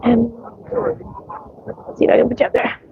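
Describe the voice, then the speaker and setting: Phone-quality sound carries a woman speaking at a moderate pace as she livestreams from a street parade outdoors. Her accent is mixed and her voice scratchy from coughing; she rambles casually, uses many ums, and greets viewers by name.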